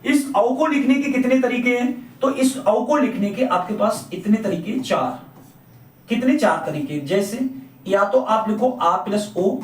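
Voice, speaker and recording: A man's voice: high voice, slight background noise. A man teaching a Hindi grammar lesson. He repeats his points and asks the class questions, then answers them himself. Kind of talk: classroom lecture. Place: classroom or coaching room. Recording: echoey room, mic at a distance.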